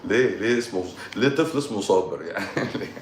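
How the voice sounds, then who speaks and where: A man with a deep, low voice and an Egyptian Arabic accent talks fast to his livestream viewers from an echoey room, answering their comments. He jokes, chuckles and repeats phrases in casual chat, with a steady noise beneath his voice.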